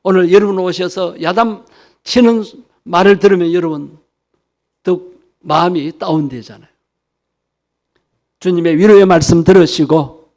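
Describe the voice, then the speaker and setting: A man's voice: high voice, a little mellow. A man preaching a sermon to his congregation at a church service, earnest and exhortative, speaking straight to the people in the pews. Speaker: pastor.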